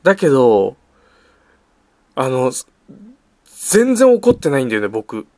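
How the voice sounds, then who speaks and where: A young man talking on his own in a casual way, his pitch swinging widely as he tells a funny story. His voice rises sharply when he gets excited. The recording is close and dry, with no room sound. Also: slow, no echo. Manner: animated storytelling, voice jumping up in excitement; frequent laughter. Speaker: podcast host. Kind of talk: casual solo talk.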